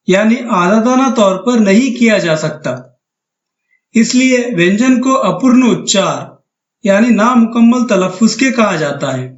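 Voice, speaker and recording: A man with a high voice gives a patient grammar lecture over slides, going through each term slowly and restating it in other words. The recording is echoey and a bit dull, as if made in a bare room on a cheap mic. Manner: patient, methodical, repeats each term with synonyms. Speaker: teacher.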